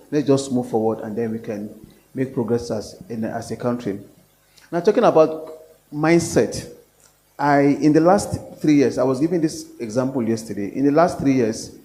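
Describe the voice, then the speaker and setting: A man's voice: medium pitch, warm tone. A man from Nigeria, a professor speaking at a public forum, earnest and hesitant, with fillers and restarts. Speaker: professor, panel guest.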